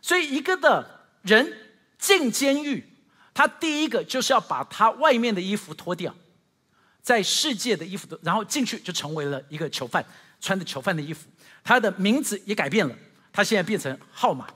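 A male pastor preaches in a lively, swooping delivery, pitched high with a bright, slightly husky tone. He keeps turning to the congregation with questions. The church hall rings with a long reverb. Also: moderate pace. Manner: animated, asks the congregation questions. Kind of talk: sermon.

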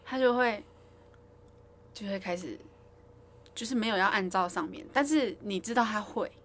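A woman's voice: medium pitch, normal speed, slight background noise. A woman piano teacher, chatting casually on a podcast and telling stories with lots of laughter. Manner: animated storytelling, laughs often.

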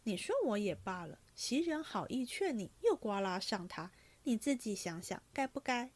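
A woman reading aloud and voicing a moody, indulgent young nobleman in her own fast, fretful voice. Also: mid-range voice, very animated.

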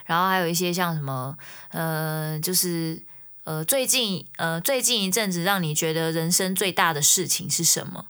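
Chatty woman, low voice. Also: normal speed, clean tone. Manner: chatty, ends phrases with soft fillers. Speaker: singer-songwriter. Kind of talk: casual storytelling.

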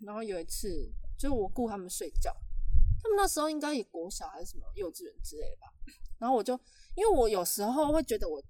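Animated woman telling a story. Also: on the high side, fast talker, a little hiss or hum. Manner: animated, laughs often, acts out shouting. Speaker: podcast host telling a story. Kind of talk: casual storytelling chat.

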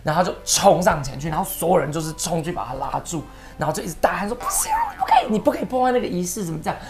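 A woman guest telling stories in an interview, animated and emotional, sometimes tearful. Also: fairly low pitch, rapid-fire, gravelly, over a noisy crowd. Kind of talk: storytelling interview.

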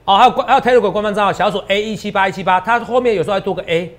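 Male finance host, Taiwanese Mandarin accent, high voice, rapid and emphatic delivery. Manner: emphatic and repetitive, often ends lines with a tag question. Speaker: stock market analyst host. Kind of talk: animated market commentary.

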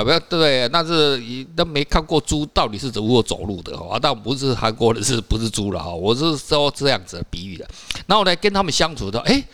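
This Taiwanese man speaks Mandarin with a Taiwanese accent at a medium pitch, co-hosting a casual podcast in a bright, quick, lively way. He's an animated, salty storyteller who laughs a lot, sprinkles in "哈" and "哦," and talks rough, swearing casually.

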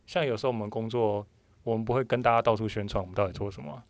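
Very low-voiced Taiwanese woman, quick talker. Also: dry recording. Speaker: podcast co-host. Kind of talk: casual chat.

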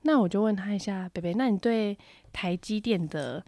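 A woman co-hosting a podcast, telling a story in casual chat, acting out her own panic in high squeals. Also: moderate pace, warm tone, no echo. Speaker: podcast co-host.

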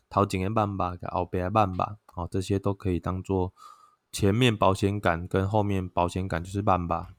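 Taiwanese-accented male vlogger, lowish voice, dry close sound, chatty explainer. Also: no echo. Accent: Taiwanese Mandarin. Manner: chatty, sprinkles "oh" fillers, chants tones aloud. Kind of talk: casual explanatory talk.

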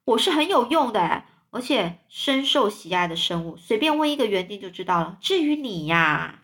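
A woman's voice: mid-range voice, very animated, normal speed, a bit bright. A woman voicing a touchy, grumbling blind earthworm in a storybook reading. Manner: complaining, indignant.

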